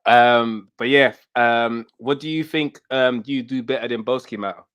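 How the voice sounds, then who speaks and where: A man's voice: medium pitch, fairly even intonation, normal speed, fairly bright tone, clean tone. A man in his thirties hosting a casual interview on a headset, putting his questions in a hesitant, rambling way. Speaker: host. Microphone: headset on a video call.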